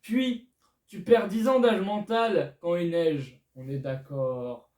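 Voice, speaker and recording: Young male vlogger, high voice, teasing and casual; roomy sound, mic set back. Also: takes it slowly, dark tone. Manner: chatty, self-mocking, speaks straight to viewers. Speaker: YouTuber. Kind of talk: casual vlog talking to viewers. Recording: echoey room, mic at a distance.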